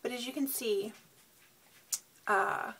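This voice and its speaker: A woman giving a casual beauty product demo, sounding tired and sleep-deprived, with a husky, creaky voice. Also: on the high side, slow, a bit bright. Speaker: beauty reviewer.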